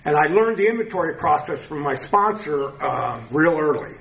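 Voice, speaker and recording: A man's voice: fairly high pitch, animated, moderate pace, creaky, fairly bright tone, slight background noise. Lisping man in his seventies, echoey room. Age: 70s. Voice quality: lisp from missing teeth. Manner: informal, conversational. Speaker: speaker sharing a recovery story at a meeting. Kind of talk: personal testimony talk to a group. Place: echoey indoor meeting room. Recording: muffled, echoey meeting-room recording.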